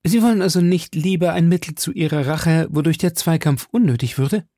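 A man voicing an eager, infatuated young swordsman who speaks in a flattering, fervent way. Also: a little high, fairly quick, no echo, studio quality, pitched above the performer's own voice.

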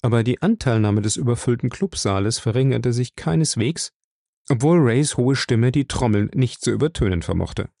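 A man narrating an audiobook in a steady, dramatic storytelling manner. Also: mid-range voice, normal speed, creaky, no room sound, clean studio sound. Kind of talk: scripted narration.

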